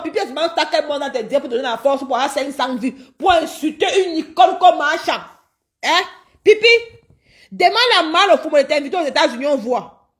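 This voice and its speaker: A woman, ranting and taunting in a mocking gossip stream, repeating her jabs with loud outbursts. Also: sits high.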